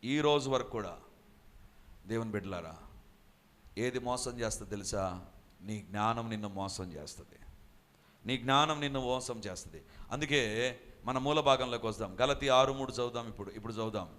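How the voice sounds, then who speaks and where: A man's voice: mid-range voice, normal speed, long pauses, a bit bright. A man preaching a sermon, telling stories, acting out the people in them and repeating his key lines.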